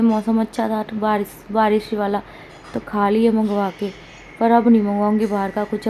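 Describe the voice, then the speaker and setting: A woman's voice: mid-range voice, warm tone. A woman from India vlogging casually at home, unwell and in pain, talking in a plain, complaining, straight-talking way. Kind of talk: casual home vlog talk. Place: home room with air conditioner running. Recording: noisy room, air conditioner hum.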